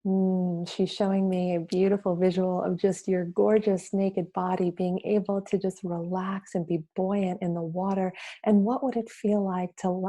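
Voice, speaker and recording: A woman guides a meditation with a very mellow, dark-toned voice. Her delivery is slow, hushed and breathy, reverent and soothing in a goddess-like way. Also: fairly low pitch. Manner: soft, breathy, hushed, drifting at times toward a whisper.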